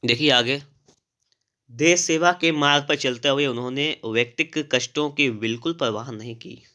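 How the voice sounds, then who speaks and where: A man's voice: medium pitch, sharp tone. Man teaching spelling step by step. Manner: explains step by step, often repeating words slowly; addresses students directly, with frequent "thik hai" checks. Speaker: Hindi grammar teacher. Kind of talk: exam-prep spelling lesson.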